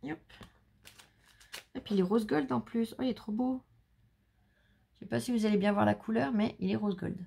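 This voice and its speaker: A woman's voice: a little high, normal speed, gravelly, pauses often, mellow, husky. A woman hosting her crafting channel, chatting casually and effusively while showing handmade cards and teasing someone off camera. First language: French. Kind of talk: casual unboxing chat.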